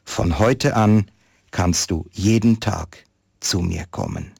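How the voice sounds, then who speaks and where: A man voicing the holy infant in a manger, speaking gently and earnestly in a read-aloud Christmas story. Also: on the low side, takes it slowly, vocal fry, slightly rough, dry recording, heavily acted. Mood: tender.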